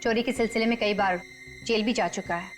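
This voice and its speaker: An actress playing a businesslike young police officer in a TV crime drama. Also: female voice, medium pitch, fairly even intonation, a little fast, close to an everyday voice. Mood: reporting. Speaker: actor in a crime drama series. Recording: music behind the voice.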